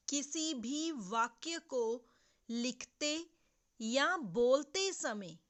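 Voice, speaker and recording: A woman teacher giving a grammar lesson, bright and slightly high-pitched. She speaks very slowly and repeats points often. She keeps checking with her pupils whether they understood. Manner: slow, repetitive, asks pupils "clear?".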